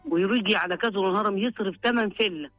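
Rapid-fire and pleading, an older woman with an Upper Egyptian accent recounts her hardship to get advice, emotional and repeating herself. Her medium-pitched voice is a bit bright, and the rough, dry recording has faint music behind it.

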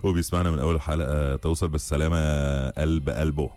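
A man's voice: a bass voice, flat delivery, quick pace, warm tone, no room sound, faint music behind. A man with an Egyptian Arabic accent co-hosting a show in a casual, joking, bantering way. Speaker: radio show co-host. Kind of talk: casual chat.

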